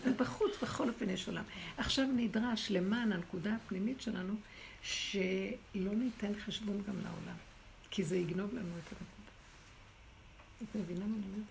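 A middle-aged woman with a medium-pitched, creaky voice teaches a religious class for women, exhorting and challenging them in a spiritual session that takes listener questions. The room recording is noisy.

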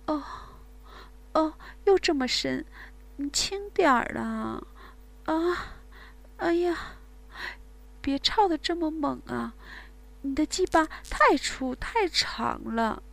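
A woman's voice: sits high, animated, slow, vocal fry, long pauses, voice pushed up, full character voice. A woman doing a breathless, pleading young lover.

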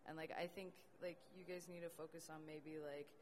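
A woman's voice: deep voice, level tone, moderate pace, a little mellow, slight background noise. A young woman, a tile apprentice, speaking earnestly on a panel with many fillers. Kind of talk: casual panel talk.

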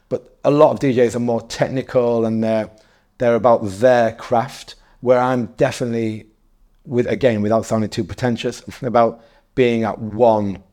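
A man's voice: medium pitch, dark tone. A man in his forties talking as a guest in a casual interview, rambling and correcting himself, often breaking into laughs. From North East England.

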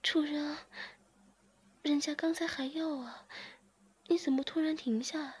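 A woman's voice: high-pitched, fairly even intonation, unhurried, voice pushed up. Woman whispering as a pleading young lover. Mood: breathless pleading.

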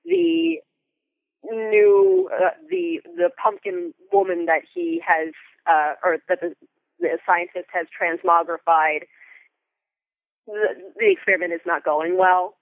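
This interview guest, a woman Foley artist, recounts stories casually and enthusiastically, full of description, via a phone or remote call that sounds tinny and narrow, without echo. Her lowish, creaky voice has a sing-song lilt, and she takes her time.

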